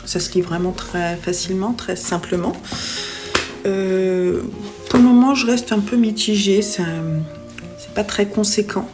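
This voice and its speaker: A woman's voice: medium pitch, fairly even intonation, measured pace, music in the background. A French woman chatting casually in a reading vlog from home, hesitant and full of fillers. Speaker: book vlogger.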